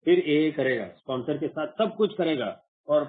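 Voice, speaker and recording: A man's voice: a little high, moderate pace. A man from India sharing his recovery story at an online support meeting, earnest and repetitive, sometimes acting out his own past voice. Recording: muffled phone-like online call audio.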